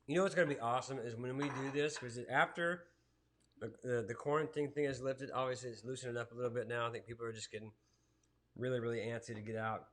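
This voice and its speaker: A man in his forties co-hosting a casual live-streamed cooking show from his home kitchen, relaxed and chatty, reading out viewer comments. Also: medium pitch, fast talker.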